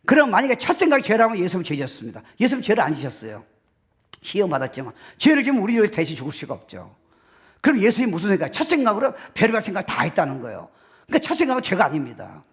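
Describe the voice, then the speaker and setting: A male pastor giving a lively sermon, laughing often, acting out voices and dropping in English phrases. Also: high-pitched, very fast. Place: church sanctuary.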